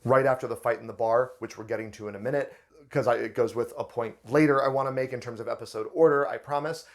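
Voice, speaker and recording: A man with a gravelly, creaky voice at an ordinary middle pitch. He hosts his own review channel and talks through a horror series in a chatty, enthusiastic way. He often restarts his sentences and fills pauses with "uh". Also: steady tone. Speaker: host of a book and film review channel. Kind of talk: casual review commentary.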